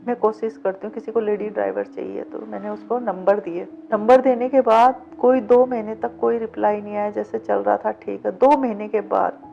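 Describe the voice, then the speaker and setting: A woman's voice: mid-range voice, steady tone, normal speed, creaky, few pauses. Middle-aged woman retelling her story. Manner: vivid retelling that acts out past dialogue. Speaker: interview guest, cab driver. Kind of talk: personal storytelling in an interview. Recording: dull lo-fi sound with faint background music.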